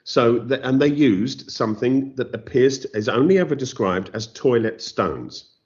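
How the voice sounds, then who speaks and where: With a medium pitch, lively intonation, and a slightly mellow tone, the English-accented novelist speaks at a moderate pace in an interview. He is self-deprecating and thoughtful with many restarts, and the audio is a little dull and lo-fi.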